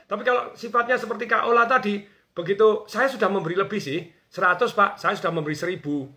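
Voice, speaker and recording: A man talking on a radio show as a business coach, energetic and acting out quoted bosses and workers. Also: high-pitched, fast. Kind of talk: animated radio talk.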